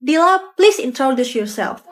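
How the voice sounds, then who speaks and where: Woman acting as a strict, motherly female teacher, high voice, bossy classroom tone, comedy skit. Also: lively intonation, a little slow. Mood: stern. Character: strict but kind female teacher, middle-aged. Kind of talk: comedy skit role-play.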